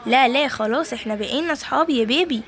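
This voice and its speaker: Casting: woman playing a scheming game granny, Egyptian accent, high teasing voice, chats to viewers. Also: fast talker, a bit bright. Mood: coaxing. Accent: Egyptian Arabic. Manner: sing-song, teasing, addresses viewers directly. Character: wicked old granny villain, scheming but claiming kindness. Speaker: gaming YouTuber. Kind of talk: playful game role-play narration.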